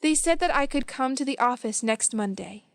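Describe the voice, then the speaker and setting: A woman speaking slowly and carefully in a scripted beginner English dialogue. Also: high-pitched, animated, no room sound.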